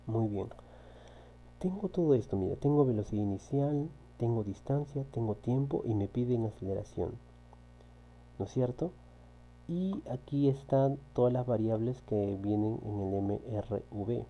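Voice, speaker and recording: A man with a warm, medium-pitched voice teaches physics in a recorded online class, working through exercises. He patiently repeats key points and keeps checking with his students, while the low-quality recording carries a faint electrical hum.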